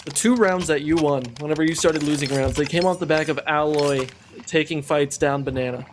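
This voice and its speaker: A man with a slightly raised pitch gives relaxed, conversational color commentary on an esports match, picking apart decisions with frank opinions. Steady background noise runs under his voice. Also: fairly quick. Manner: relaxed and chatty, breaking down plays with blunt opinions. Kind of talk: casual analytical commentary.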